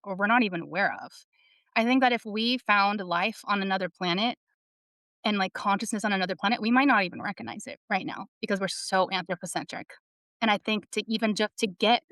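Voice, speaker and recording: A woman's voice: medium pitch, a bit bright, no room sound, studio quality. A young woman on a discussion panel, a student, speaking bluntly and swearing freely. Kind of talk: casual discussion.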